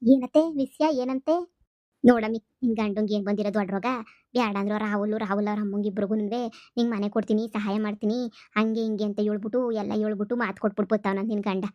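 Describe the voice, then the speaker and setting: A woman's voice: medium pitch, steady tone, fast, no room sound, muffled recording, close to an everyday voice. A woman voicing a stern, exasperated village mother-in-law in a cartoon comedy, speaking. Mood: scolding. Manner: sharp, scolding, exasperated.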